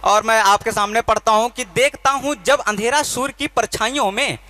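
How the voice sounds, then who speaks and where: High, bright-voiced man reciting fiery verse. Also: moderate pace. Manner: fiery, declamatory delivery with repeated lines. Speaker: poet. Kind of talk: live poetry recitation. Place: college stage event.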